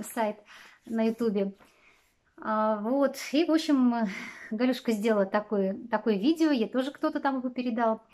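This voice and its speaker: A woman in her forties from Russia talks casually to a camera set close in front of her, in a slightly high voice. She rambles along with many fillers and little laughs, recorded in a small wood-panelled room. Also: a little mellow. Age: 40s. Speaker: vlogger.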